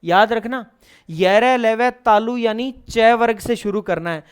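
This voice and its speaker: Man, teacher, online lesson, clear smooth voice, answers his own questions, rhythmic syllable drills. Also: sits high, a little slow. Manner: explains step by step, asking and then answering his own questions.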